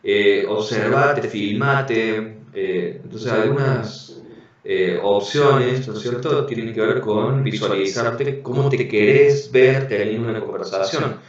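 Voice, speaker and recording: A man with a Rioplatense Spanish accent giving an online class, explaining calmly and often checking in with tag questions, heard over a video call. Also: on the low side, slow. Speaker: instructor. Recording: very echoey, dull lo-fi audio.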